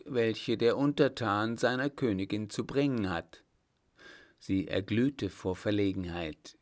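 A man reads a classic novel aloud as an audiobook narrator. His voice sits on the low side, and he keeps an unhurried, measured pace that lets each sentence settle. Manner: measured, deliberate storytelling.

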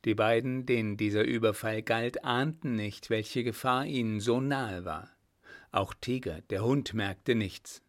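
A man narrating a story in an even, measured storytelling manner. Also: on the low side. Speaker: audiobook narrator. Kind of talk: scripted narration.

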